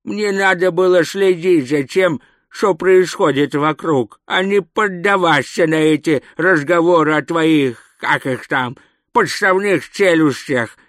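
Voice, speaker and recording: Cohen, a man doing a gruff old barbarian. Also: on the high side, a bit bright, no room sound, clean studio sound, voice pushed up. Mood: self-reproaching. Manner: gruff, slow, self-reproaching. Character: Cohen, grizzled old male barbarian hero.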